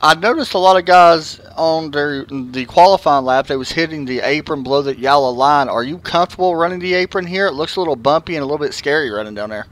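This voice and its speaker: A man's voice: a little high, quick pace, few pauses, a bit bright. Southern-accented man calling a sim race. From American South. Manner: casual, chatty, with frequent fillers. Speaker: race commentator. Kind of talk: live sim-racing commentary.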